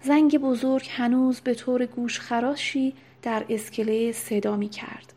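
A woman narrating a novel in a soft, unvoiced whisper with steady, even reading. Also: fairly high pitch. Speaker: audiobook narrator. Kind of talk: whispered storytelling.

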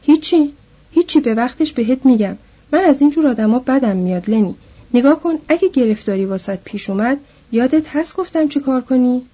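A woman's voice: high voice, expressive, mellow, slightly rough. A woman voicing a stern, protective man warning his companion, in a dull lo-fi recording. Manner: stern, firm.

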